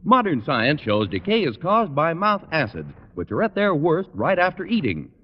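An American male announcer delivers an old radio advertisement with hugely varied, fairly high pitch and emphatic polish. The recording is muffled, with long reverb. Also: big pitch swings, normal speed.

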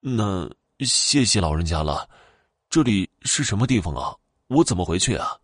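A man's voice: low voice, animated, moderate pace, fairly bright tone, dry recording, studio quality. Man playing a scared young man. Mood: anxious. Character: frightened young man on a ghost bus.

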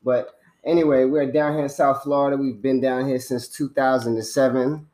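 A middle-aged man from the Bronx, his voice sitting at an ordinary middle pitch. He chats casually as a co-host, dropping teasing jokes along the way. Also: little pitch movement, normal speed, dark tone. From the Bronx, New York. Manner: joking, teasing. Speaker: podcast co-host. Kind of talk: casual chat.

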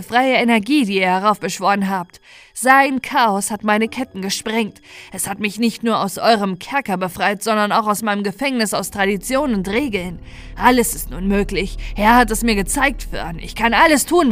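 A woman voicing a corrupted male Santa who speaks slowly, calmly and with contempt. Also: mid-range voice, lightly acted. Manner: slow, calm and contemptuous. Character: corrupted male Santa, calm, cruel and scornful.

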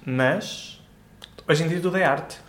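A man's voice: fairly high pitch, takes it slowly, slight background noise. A man with a European Portuguese accent chatting casually as a podcast co-host, joking in a mock-grandiose way. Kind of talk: casual chat. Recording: echoey room.

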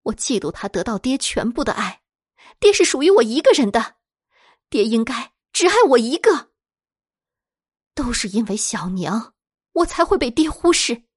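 A woman voicing a jealous, tormented young woman who swings between high cries and breathy whispers. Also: big pitch swings, moderate pace, long pauses, no room sound, studio quality. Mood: bitter, unhinged.

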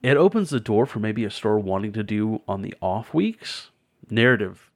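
A man's voice: fairly low pitch, lively intonation, moderate pace. A man co-hosting a casual podcast, talking in an upbeat, chatty way full of fillers. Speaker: podcast co-host.

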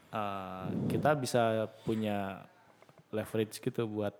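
A man chatting casually as a podcast host, relaxed and joking, with lots of fillers. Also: lowish voice, slow pace. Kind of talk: casual chat. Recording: long hall reverb.

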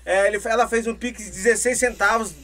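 A man hosts a live podcast in a very high voice. He chats loosely, thanks viewers for their donations and repeats filler words as he goes. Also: fairly even intonation, a little fast, fairly bright tone. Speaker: podcast host.

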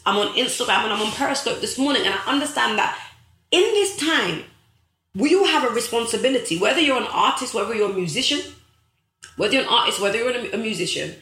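A woman's voice: on the high side, bright, forceful tone, roomy sound, rough recording. A woman hosting a motivational livestream as an author, talking in a rallying, preachy way with lots of repeated phrases. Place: bedroom at home.

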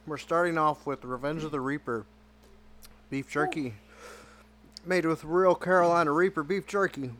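A man hosting a casual podcast, excitable and swearing freely, teary from eating very spicy jerky. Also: a little high, normal speed, long pauses, a little hiss or hum. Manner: excitable, swears a lot, yelps. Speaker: podcast host.

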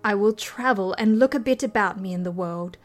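A woman's voice: medium pitch, brisk, soft background music, natural voice. A woman voicing a trusting young male hunter who speaks earnestly in a fairy tale reading.

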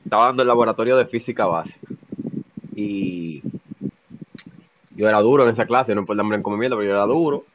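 A man's voice: lowish voice, a little fast, pauses often, noisy background. Slangy young Dominican man, dull lo-fi sound. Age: young adult. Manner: slangy, profane. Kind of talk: casual chat with friends, telling anecdotes.

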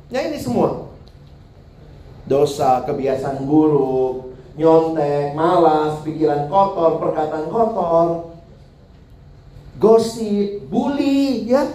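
A man's voice: a little high, animated, takes it slowly, long pauses, dark tone. A man preaching a humorous sermon to young people, joking and laughing at his own jokes. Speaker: youth preacher. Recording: roomy hall sound with faint background noise.

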